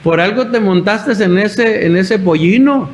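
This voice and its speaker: A man's voice: high-pitched, measured pace, rough recording. A male pastor preaching a sermon, telling the story and acting out the voices in his quotes.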